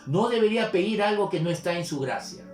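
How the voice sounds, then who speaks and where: A man's voice: high-pitched, lively intonation, fast. A male pastor preaching a sermon, explaining with examples and scripture. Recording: echoey room with soft guitar music. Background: soft guitar music.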